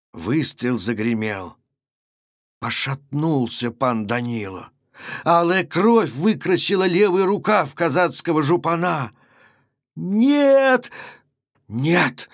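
Male audiobook narrator, announcer type, dramatic and steady, totally dry sound. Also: on the high side, dry recording. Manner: measured, dramatic reading. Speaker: actor and radio announcer.

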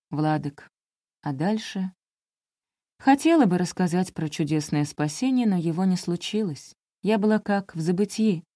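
Low, dark-voiced woman narrating a memoir. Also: no echo, clean studio sound. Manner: confessional, intimate storytelling. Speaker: audiobook narrator. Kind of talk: first-person audiobook narration.

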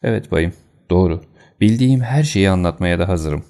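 A man's voice: low voice, animated, normal speed, dark tone. A man reading an audiobook, voicing a loyal, plainspoken middle-aged housekeeper with a confiding manner.

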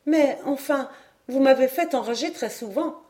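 A woman reading an audiobook, voicing a lively, teasing young woman with a playful, laughing manner. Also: high voice, moderate pace, voice pushed up, close to an everyday voice.

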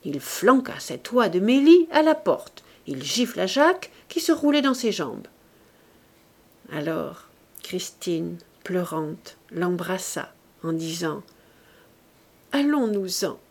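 A woman reading a classic novel aloud as an audiobook narrator, in measured and expressive storytelling. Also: fairly low pitch.

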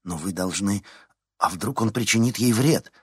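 A man's voice: on the low side, normal speed, slightly rough, no room sound, clean studio sound. A man voicing a brave, angry teenage boy in an audiobook. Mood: urgent.

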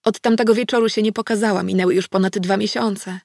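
A woman narrating an audiobook in the first person, in a steady storytelling manner. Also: medium pitch, fast, vocal fry, dry recording, studio quality.

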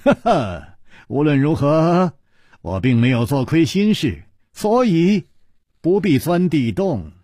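A man voicing a clever young hero who speaks calmly and deliberately with quiet amusement. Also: fairly high pitch, husky, dry recording, clean studio sound, heavily acted. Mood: amused. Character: suave, calm young male hero, mocking and clever.

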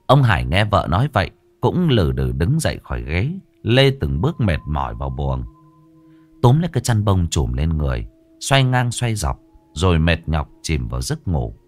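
A man's voice: deep voice, sing-song, moderate pace, no room sound. A man narrating a horror story dramatically, lingering on grim details.

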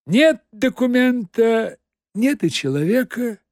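A sly, fussy demon retainer in an audiobook, high and brisk, gloating over his tricks, as a man puts him on. The voice sits well above the reader's own and lands dry and close to the mic. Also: lively intonation, a little mellow, dry recording, heavily acted.

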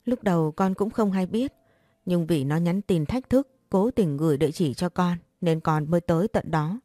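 Storybook role: a choked, pleading young woman, read by a woman narrator, warm and low. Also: moderate pace, no echo, studio quality, close to an everyday voice. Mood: tearful. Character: tearful jilted young woman.

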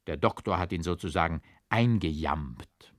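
A man with a low voice reads an old literary tale, shaping each sentence with careful stress and rhythm. The sound is close and dry, with no room around it. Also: moderate pace, no room sound. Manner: expressive, rhythmic storytelling. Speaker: audiobook reader. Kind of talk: literary audiobook reading.

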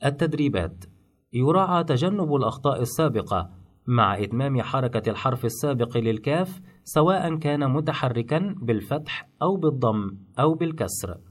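Male teacher, scripted lesson narration, measured and explanatory, mid-pitched. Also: animated. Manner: measured, explanatory, demonstrates sounds. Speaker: phonetics teacher.

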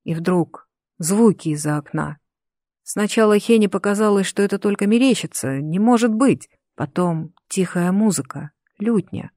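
Expressive audiobook narrator, dry sound. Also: mid-range voice, normal speed, no room sound. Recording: dry close recording.

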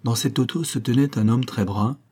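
A man reading a detective novel aloud as narrator, with steady, measured phrasing. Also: mid-range voice, husky.

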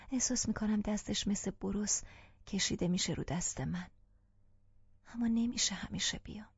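A woman reading a first-person audiobook in a hushed, tense voice that often drops to a whisper. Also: medium pitch, vocal fry, slightly rough, dry recording. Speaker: audiobook narrator. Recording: dull lo-fi audio with faint music.

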